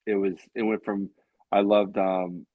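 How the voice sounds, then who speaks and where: With a level tone and an unhurried pace, a man in his late thirties chats casually as co-host of a beer hangout show, rambling and repeating phrases for emphasis. His voice is on the low side, and the recording sounds phone-quality with no room sound.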